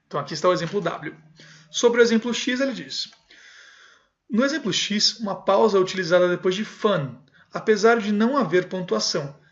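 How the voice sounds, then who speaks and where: A man's voice: high voice, fairly bright tone, dull audio. A man teaching music, reading a textbook passage by passage and explaining each one in a casual tone. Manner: reads passages aloud, then explains them in a casual tone.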